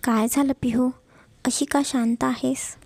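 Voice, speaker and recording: A woman's voice: high voice, steady tone, measured pace, creaky, a little mellow, no room sound, full character voice. A woman voicing an outspoken, talkative young college woman. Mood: apologetic.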